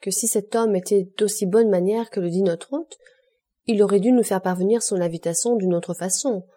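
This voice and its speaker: A woman reading a polite, skeptical young gentleman. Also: medium pitch, moderate pace, lightly acted.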